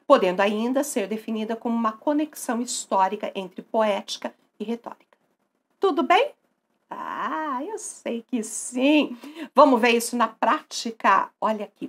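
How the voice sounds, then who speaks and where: A woman with a Brazilian Portuguese accent teaching a recorded grammar lesson, lively and affectionate, often asking her students questions. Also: on the high side, breathy edge.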